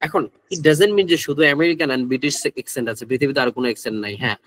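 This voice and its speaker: A man with a Bangladeshi accent teaches an online English pronunciation class, mixing Bengali with English phrases and constantly asking students questions. His medium-pitched, fairly bright voice races along with lively intonation, with no echo but low recording quality.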